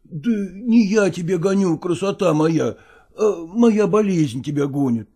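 Evasive, self-pitying actor voiced by a male narrator who feigns illness, slow and moaning, with a lively melody. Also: high voice, husky, voice pushed up, heavily acted. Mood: groaning evasive. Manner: groaning, drawn-out and slow, wheedling. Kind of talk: audiobook character reading.

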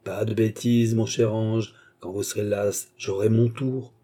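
A man's voice: lowish voice, level tone, measured pace, warm tone, breathy edge. A man voicing a lecherous, mocking old villain in an audiobook, jeering and gloating. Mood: sneering. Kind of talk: audiobook reading.

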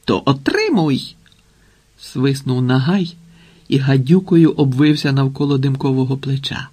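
A man reading a children's adventure novel aloud as a measured, expressive narrator. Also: medium pitch, slightly rough. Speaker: audiobook narrator. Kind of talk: scripted narration.

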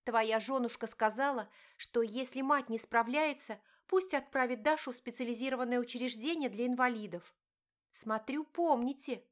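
A woman's voice: a little high, moderate pace, hardly any pauses, a bit bright, lightly acted. A woman voicing an indignant young heroine in an audiobook, speaking sharply and heatedly. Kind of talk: audiobook narration.

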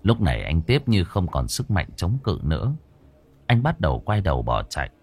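Male storyteller, low voice, lively swooping delivery, dry close recording. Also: moderate pace, slightly rough. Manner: dramatic, expressive. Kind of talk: ghost story narration.

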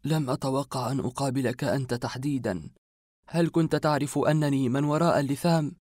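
A man voicing a weary, middle-aged father trapped in a recurring nightmare, speaking softly and a little lower than his own voice. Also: steady tone, brisk, no room sound, clean studio sound, lightly acted. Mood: bewildered.

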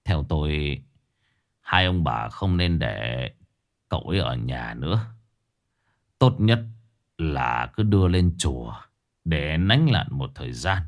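A man playing a weary, resigned old male exorcist who talks slowly and gravely. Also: very deep voice, animated, pitched below the performer's own voice, full character voice. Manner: slow, apologetic, grave.

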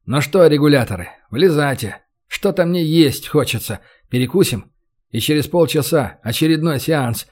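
A man's voice: a little high, animated, normal speed, darkish tone. A man voicing a sarcastic, commanding young man who taunts and threatens. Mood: dry, casual.

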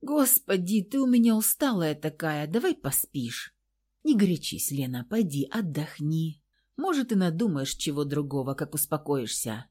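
A worried older mother coaxes her daughter in soft, gentle pleas, voiced by a woman reading the story. The voice stays protective and tender. Her speech stays homely and simple. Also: low-pitched, big pitch swings, moderate pace. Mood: coaxing. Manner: coaxing, gentle pleading.

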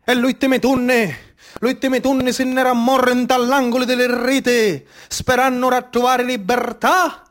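A Sicilian theatre storyteller and actor performs a theatrical monologue in a strikingly high-pitched voice, with a strong Sicilian accent and dialect. He delivers it like an incantation, in rhythmic, repeating phrases. His delivery is flat, his pace measured and his tone a bit bright.

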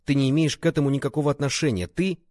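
A man's voice: a little high, racing, a little mellow, no echo, voice pushed up, close to an everyday voice. A man voicing an earnest, caring young man who protects his brother in a spoken story, lifting his voice and pressing his words hard.

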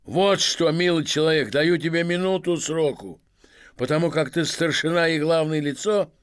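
A man's voice: on the high side, moderate pace, smooth, voice pushed up, lightly acted. A man voicing a drunk, boorish masked millionaire who bellows and mocks everyone in a storybook reading. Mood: swaggering. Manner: bellowing, mocking, swaggering.

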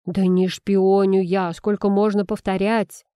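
Lady doing a fat grumpy chipmunk guy, squealy and huffy, dark soft voice. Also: medium pitch, measured pace, dry recording, clean studio sound, natural voice. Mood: indignant. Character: plump grumpy male magic chipmunk curator, melodramatic.

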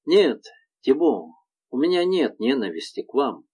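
A man reading aloud voices a frightened, gentle young village woman in a tender, pleading manner. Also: mid-range voice, big pitch swings, a little slow, slightly rough, voice pushed up.

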